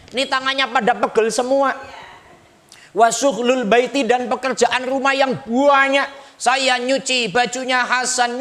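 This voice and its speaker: A man's voice: extremely high pitch, fairly bright tone, voice pushed up. A male preacher voicing a tired young woman who complains plaintively about endless housework.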